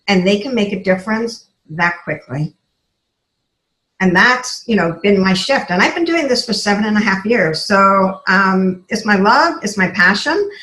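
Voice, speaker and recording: In a casual testimony, a woman who once worked as a health coach and now sells essential oils shares her journey with heartfelt emotion, voicing the remarks people made to her. She speaks at medium pitch with a fairly bright tone, and the recording is rough and echoey.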